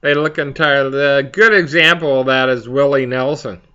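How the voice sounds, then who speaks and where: A man hosting a casual, rambling chat for viewers, speaking haltingly as he searches for his words. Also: mid-range voice, bright, forceful tone, clear, resonant tone, muffled recording. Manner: halting, slow to find words. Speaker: pipe hobby video host.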